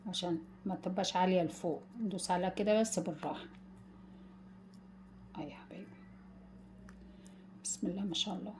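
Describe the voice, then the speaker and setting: Gentle Egyptian woman guiding a home baking demo. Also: on the low side, fairly even intonation, very fast, slight background noise. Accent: Egyptian Arabic. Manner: calls viewers "my dears", gentle step-by-step guidance. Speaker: cooking channel host. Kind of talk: casual home cooking demonstration.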